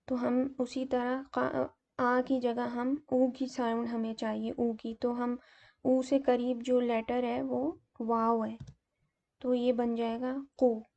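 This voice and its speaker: Walking patiently through every example, this teacher explains grammar at a slow pace, using fillers as she goes. She sounds mellow and gravelly, a touch high-pitched but level in melody, and the recording's high frequencies are cut off.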